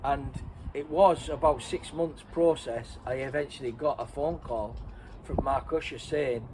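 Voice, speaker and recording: A middle-aged man talks at an ordinary pitch, spinning a long personal story in a loose, rambling way. He keeps restarting and correcting himself as he goes. A faint ambient hiss sits underneath. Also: unhurried. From Redcar, North East England. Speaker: interviewee and co-host. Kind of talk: casual storytelling chat.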